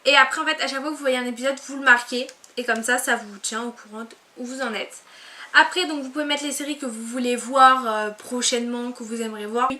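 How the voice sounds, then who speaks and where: Bright-voiced young woman vlogging casually. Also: high-pitched, a little hiss or hum. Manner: chatty, filler-heavy and relaxed. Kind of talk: casual chat to camera. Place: bedroom, on her bed.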